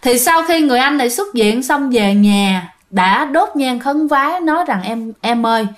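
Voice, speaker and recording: A woman's voice: high-pitched, expressive, moderate pace. A woman telling ghost stories in a casual, chatty way, often speaking straight to her listeners. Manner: chatty, addresses listeners directly, with fillers. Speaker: ghost story narrator. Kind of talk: casual spoken storytelling.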